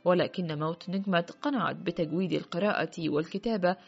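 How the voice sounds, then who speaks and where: A woman with a husky voice reading first-person literary narration in a steady, measured way. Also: on the low side. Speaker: audiobook reader. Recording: muffled with faint background music.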